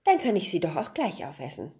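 A woman's voice: lowish voice, huge pitch swings, brisk, warm tone. Woman doing a greedy young boy. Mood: scheming. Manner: eager, self-justifying. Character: greedy hungry young boy, sly and naive.

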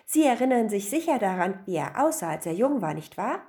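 A woman's voice: mid-range voice, sing-song, brisk, mellow, natural voice. Woman playing an earnest young husband, storybook, plain voice.

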